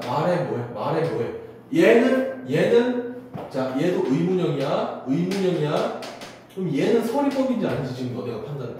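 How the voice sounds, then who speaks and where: A man teaching a class, lively and talkative, asking questions and then answering them himself. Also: on the high side, slight background noise. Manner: animated, asks and answers his own questions. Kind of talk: classroom lecture. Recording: distant echoey classroom recording.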